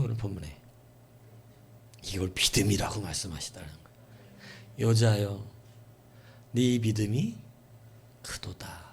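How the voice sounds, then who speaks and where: A man pastor preaching a night-service sermon, emphatic, acting out imagined dialogue and swinging between loud outbursts and hushed asides. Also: lowish voice, gravelly, a little hiss or hum. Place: church.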